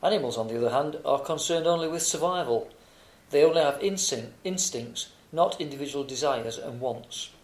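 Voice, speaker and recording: A man plays an earnest, formal debater who argues against animal rights in a scripted exam discussion. He speaks at a moderate pace in a slightly high voice that stays close to how he'd normally talk, and the room echoes noticeably.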